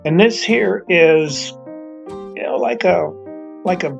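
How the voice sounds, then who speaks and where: Speaking slowly in a high-pitched, gravelly voice, a middle-aged man vlogs his exploration of an abandoned motel outdoors in the snow. He's chatty and enthusiastic, prone to wandering asides, narrating casually into a handheld camera at arm's length while music plays in the background.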